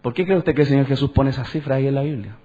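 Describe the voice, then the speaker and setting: A pastor, preaching conversationally and asking the congregation questions. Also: male voice, mid-range voice, very fast, dark tone, faint music behind. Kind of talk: sermon. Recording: dull lo-fi church recording.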